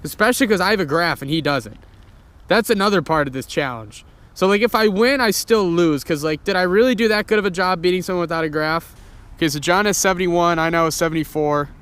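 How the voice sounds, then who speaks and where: High-voiced young man vlogging outdoors. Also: fast, clean tone. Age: young adult. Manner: informal, excitable, swears freely. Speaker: vlogger, fishing host. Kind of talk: casual outdoor vlog chat. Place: outdoors on a frozen pond and by a river. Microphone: handheld or body-worn action camera. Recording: noisy outdoor action camera audio.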